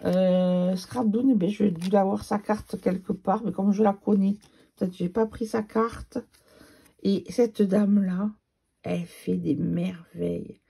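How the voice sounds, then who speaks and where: Woman scrapbook vlogger, regional accent, gravelly voice, casual rambling chat. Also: mid-range voice, steady tone, a little slow, dark tone. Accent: regional French accent. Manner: chatty, rambling, with fillers.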